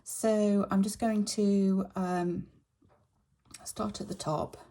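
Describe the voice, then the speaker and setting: A middle-aged woman with a slightly croaky voice, casually chatting with many fillers while she stitches. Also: mid-range voice, steady tone, slow, mellow. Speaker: stitching vlogger.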